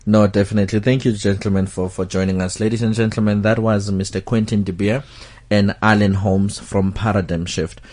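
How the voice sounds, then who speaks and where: A man's voice: fairly low pitch, brisk, few pauses. A man hosting a South African talk radio show, chatting casually with his guests. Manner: relaxed, lots of "oh, okay" and "no, definitely".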